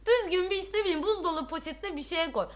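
A young woman co-hosting a podcast, telling stories with animated, acted-out quotes in casual chat. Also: very high voice, quick pace, crowd noise. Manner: animated storytelling, acts out quotes. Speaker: podcast co-host.

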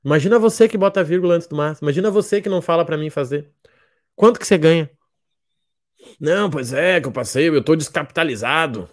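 A man's voice: fairly high pitch, darkish tone. A man giving a blunt, joking talk as a mentor, often acting out what his students say. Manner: blunt, jokey, acts out students' lines. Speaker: miles program mentor. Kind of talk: casual motivational talk.

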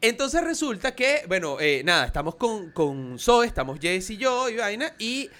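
Bright high Venezuelan man storytelling. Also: moderate pace. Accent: Venezuelan Spanish. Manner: animated storyteller, laughs often. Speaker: podcast co-host. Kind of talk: casual chat.

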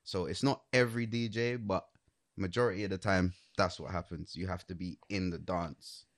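A man's voice: deep voice, steady tone, normal speed, dry recording, studio quality. A man explaining his view in a casual group discussion, checking that listeners follow. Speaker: music artist with DJ background.

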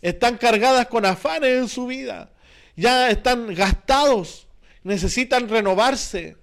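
A man's voice: extremely high pitch, unhurried, a bit bright. A man with a Chilean Spanish accent preaching a sermon as pastor, earnest and repetitive, with many rhetorical questions.

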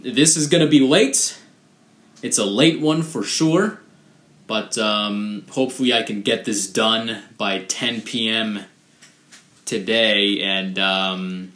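A podcast host delivers a casual solo monologue in an echoey room, speaking slowly in a fairly low, fairly bright voice. He rambles, with many fillers and restarts.

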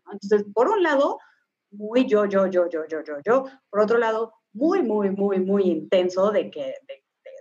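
A woman's voice: medium pitch, a little mellow. A Mexican-accented woman tells a dating story in a chatty, slangy way. The recording is a bit dull and muffled. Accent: Mexican Spanish. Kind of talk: casual chat.

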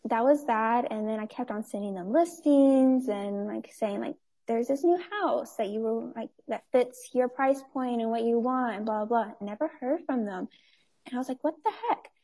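With a fairly high pitch and a mellow quality, she moves at a moderate pace through a casual interview. She is in her twenties, runs a nonprofit, and sprinkles her speech with fillers and light laughs.

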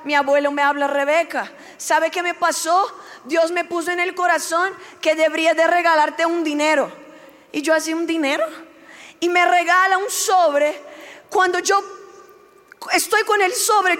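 Young woman w very high voice doing a testimony, acts out the dialogue, long echoey hall. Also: a bit bright. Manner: emotional storytelling, acting out dialogue. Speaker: church speaker giving testimony. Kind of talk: testimony sermon.

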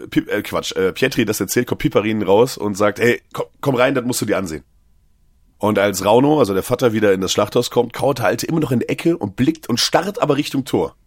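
A man's voice: on the low side, lively intonation, brisk, dry recording, studio quality. A man co-hosting a podcast, casually retelling a film's plot and briefly acting out the characters' lines amid filler words. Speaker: podcast co-host. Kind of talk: casual film recap.

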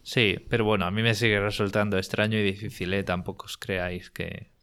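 Man, Spanish accent, from Galicia, interview guest, clear resonant voice, explanatory. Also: on the low side, fairly even intonation, fairly quick, a bit bright. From Galicia, Spain. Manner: explanatory, with many fillers. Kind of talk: casual interview talk.

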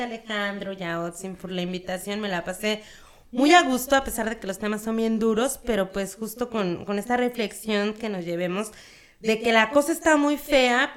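A woman from Guerrero with a Mexican accent, chatting casually as a podcast guest. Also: medium pitch. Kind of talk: casual chat.

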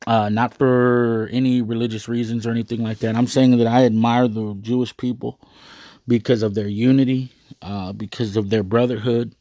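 A man's voice: on the low side, a little mellow, no room sound, clean studio sound. A man giving a rambling, earnest monologue to his viewers, full of hesitations and fillers. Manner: earnest, proud.

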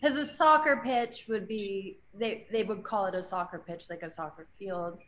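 A woman comedian chatting as a guest over a video call, wry and quick to laugh while telling stories. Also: medium pitch, slight background noise. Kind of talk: casual chat.

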